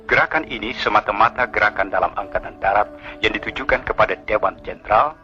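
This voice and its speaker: A man from Indonesia reading an official statement in the formal, solemn, measured style of an old 1960s radio news bulletin, like a newsreel announcer. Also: fairly low pitch. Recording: muffled 1960s archival radio broadcast, music behind.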